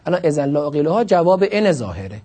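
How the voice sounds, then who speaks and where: A man's voice: on the high side, big pitch swings, warm tone, husky. A man teaching Arabic grammar in a classroom lecture, explaining the text line by line with questions and emphatic stresses.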